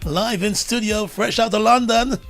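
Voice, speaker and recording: Upbeat high-voiced male radio host. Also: normal speed, vocal fry, a bit bright, soft background music. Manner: upbeat, chatty. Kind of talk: morning radio show hosting. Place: radio studio.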